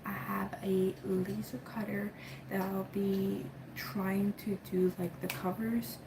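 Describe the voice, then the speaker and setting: A woman from Cuba, chatting casually at home as she unboxes supplies for her coloring book business. She rambles softly, with lots of "like" and "um". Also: medium pitch, flat delivery, slow pace, gravelly, noisy background. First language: Spanish. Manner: soft-spoken and rambling, with many fillers like "like" and "um". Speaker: coloring book creator and channel host.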